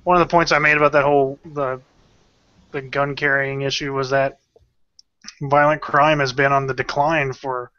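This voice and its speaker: A man's voice: medium pitch, level tone, moderate pace, pushed and bright, clear, resonant tone, highs cut off. A man hosting a casual podcast chat, laughing often and telling stories with quoted voices. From United States. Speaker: podcast host.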